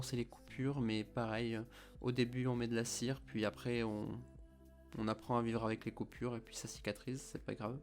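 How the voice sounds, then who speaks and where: Male vlogger, early 20s, French accent, mid pitch, slight slushy lisp, mumbly articulation, explanatory delivery over background music. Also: a little mellow. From France. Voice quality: slight lisp, slushy s sounds from a palate expander. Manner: slightly mumbled articulation, chewing his words. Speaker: vlogger telling of his own treatment. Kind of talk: explanatory vlog talk to camera.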